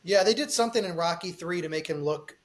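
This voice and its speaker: A man's voice: sits high, fast talker. A man co-hosting a podcast, recalling pop culture with enthusiasm in casual chat. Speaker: podcast co-host.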